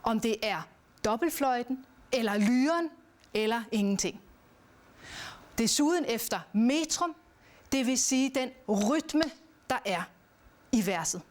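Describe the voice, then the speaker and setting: A woman giving a recorded lesson on poetry, speaking in a measured way and chanting verse rhythms aloud. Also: on the high side. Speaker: teacher. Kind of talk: educational lecture.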